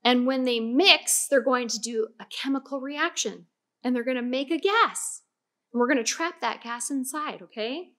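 A woman's voice: high voice, moderate pace. A woman hosting a children's science lesson, talking playfully and directly to young viewers. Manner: animated, playful, talks straight to children. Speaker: children's science show host.

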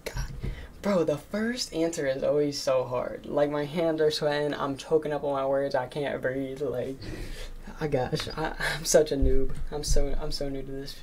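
Between recorded cold calls for his marketing agency, a late-teen man chats casually, nervous and leaning on "um" and "like". His slightly high, darkish voice moves at a moderate pace with fairly even intonation, over a little hiss or hum.

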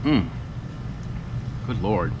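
A man's voice: on the low side, expressive, very slow. A man, talking casually with his mouth full of gelato, savoring it and murmuring appreciative sounds, outdoors by a busy road. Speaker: food vlogger. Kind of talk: casual food review vlog. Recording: loud traffic noise outdoors.

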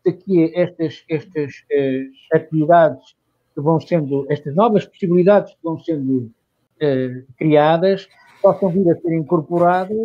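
A man's voice: on the high side, unhurried, muffled recording. A man as a guest in a live online talk, searching for words and restarting often. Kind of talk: discussion answer.

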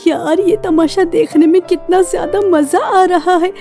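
A scheming young sister-in-law in a cartoon story taunts with gloating glee, voiced by a woman. Her voice sits high and mellow. Faint music plays underneath. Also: measured pace. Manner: mocking, gloating.

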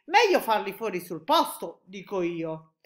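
A woman voicing a loud, indignant middle-aged army chief with a raised voice. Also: medium pitch, sing-song, unhurried. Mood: blustering.

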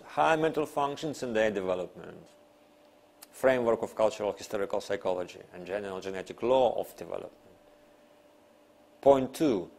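A university lecturer in his fifties, whose first language is not English, gives an academic lecture partly read from notes, seated at a desk in a small classroom. His voice is on the low side and a little mellow, and he speaks in deliberate, emphatic phrases with pauses.

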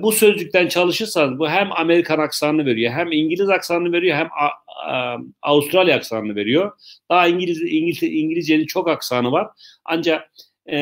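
Man teaching, slightly high voice. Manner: explains slowly, repeats himself, joking asides to students. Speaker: English teacher. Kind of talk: live online English lesson, reading viewer questions.

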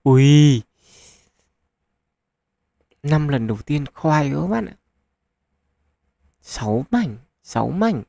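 Gravelly-voiced man commenting a mobile game. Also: on the high side, drawn-out words, pauses often, no echo. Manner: chatty, thinks aloud with many fillers; excitable at lucky pulls. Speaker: gaming channel host. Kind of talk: casual gacha game commentary.

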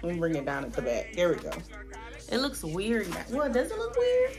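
A woman's voice: mid-range voice, wildly swooping pitch, brisk, music in the background. A woman in her thirties with a Southern US accent, chatting casually to her viewers at home and showing off her new things. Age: 30s. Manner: chatty, playful, talks straight to viewers. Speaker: vlogger. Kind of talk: casual vlog chat to camera. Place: home bedroom.

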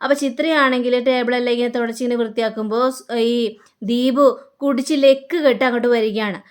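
A woman reviewer retelling a TV serial episode in a chatty, casual way. She acts out each character's lines herself in a somewhat high voice. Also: steady tone, a little fast, clean tone. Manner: chatty, acting out dialogue.

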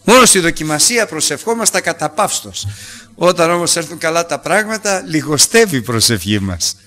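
Guy preaching a bible lesson, bright lively voice, goes loud then drops to almost nothing. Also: fairly high pitch. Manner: animated, swings from loud acted quotes to soft asides. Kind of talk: Bible-study sermon. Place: church hall without a microphone.

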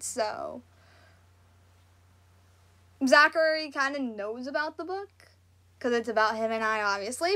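A woman's voice: sits high, a bit bright. A woman in her late thirties from Southwest Florida with a Southern accent, hosting a casual livestream talk show with lots of fillers and laughs. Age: 30s. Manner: rambling, giggly, lots of fillers. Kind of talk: casual chat with live chat viewers.

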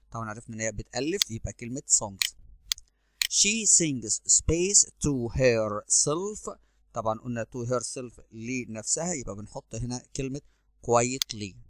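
A man with an Egyptian Arabic accent, working through English exam answers as a teacher. He reads the English slowly, then explains fast in Arabic. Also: medium pitch.

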